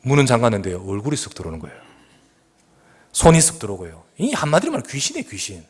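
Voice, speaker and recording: A male pastor delivers a sermon in his church, his pitch leaping and falling in a lively sweep. He tells a story, surging loud for emphasis, then sinking to a near hush. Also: racing, breathy edge. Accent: Korean. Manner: storytelling with sudden loud emphatic rises and hushed drops. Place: church sanctuary.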